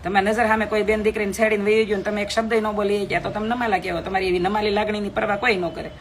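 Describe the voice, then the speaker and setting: A woman's voice: medium pitch, level tone, rapid-fire, slight background noise. A middle-aged woman, chatting bluntly with viewers on a phone live stream, scolding and preaching.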